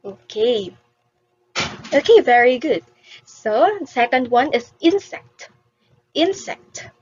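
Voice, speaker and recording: A woman's voice: on the high side, sing-song, takes it slowly, lo-fi sound, slight background noise. A woman teaching an English vowel lesson to beginners, patiently repeating each word for the class to copy.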